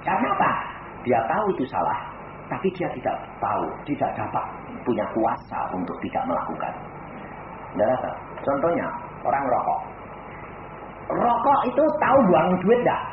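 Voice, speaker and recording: An older man preaching a sermon, swinging from quiet low asides to loud emphatic passages. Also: huge pitch swings, moderate pace, pauses often. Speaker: evangelist preacher. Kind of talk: sermon with anecdotes. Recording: echoey, tinny phone-like, noisy recording.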